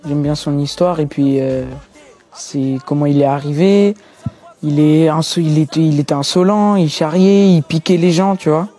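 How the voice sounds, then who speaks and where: A teenage rapper, talking in loose street slang during an interview. His voice sits a little high but sounds dark and mellow. He drops in constant "tu vois" asides and stacks repeated words for emphasis. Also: steady tone, moderate pace. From France. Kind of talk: casual interview talk.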